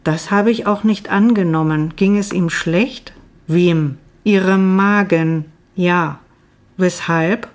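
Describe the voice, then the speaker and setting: A woman voicing a calm, probing male psychologist in a novel reading, asking questions matter-of-factly. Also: fairly low pitch, slow pace.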